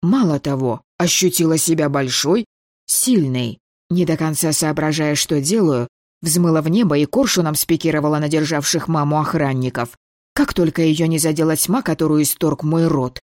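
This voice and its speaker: An audiobook reader gives steady, measured first-person fantasy narration at a middle pitch. The recording is dry and close, with no room sound. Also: no echo.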